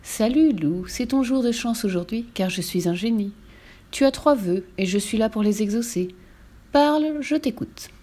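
A woman's voice: a little high, expressive, normal speed, warm tone. A woman voicing a smug magical genie in a children's story, drawing out his words grandly and sighing. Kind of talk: storybook voice acting.

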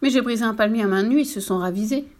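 A woman's voice: on the high side, fast, darkish tone, lightly acted. A woman voicing a big, jolly sea captain father who boasts about his adventures, in a storybook reading. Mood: hearty.

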